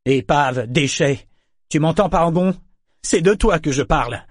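A man's voice: medium pitch, normal speed, a little mellow, slightly rough, dry recording, clean studio sound, close to an everyday voice. A man voicing a blunt, sardonic male sailor in an audiobook, mocking and needling in his delivery. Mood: shouting. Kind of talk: audiobook character voice.

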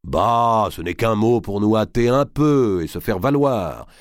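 Scheming royal uncle, middle-aged, voiced by a male reader a notch higher than his own voice. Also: measured pace, no room sound, studio quality, lightly acted. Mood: dismissive. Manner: bluster, pleading.

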